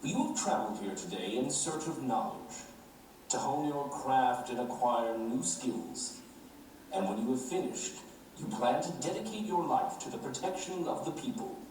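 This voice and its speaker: An actor voicing a calm, enigmatic male headmaster giving a measured, solemn speech to new students in an animated series. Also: medium pitch, slight background noise, natural voice. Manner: measured, solemn address with deliberate pauses. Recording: very echoey, distant playback over music.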